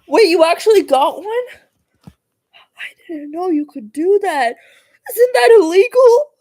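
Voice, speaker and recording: A woman's voice: very high voice, big pitch swings, slow, long pauses, a little mellow. A woman livestreaming casually, rambling and stumbling over words as she reads homework aloud. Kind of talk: casual livestream chat while doing homework.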